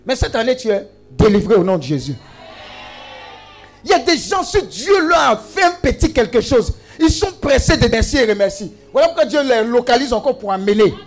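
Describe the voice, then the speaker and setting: A male preacher with a strikingly high voice that leaps around, shouting, teasing and calling on the congregation to answer. He preaches over a faint bed of music. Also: sing-song, brisk. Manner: exclamatory, call-and-response with the congregation; humorous asides and teasing. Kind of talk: sermon.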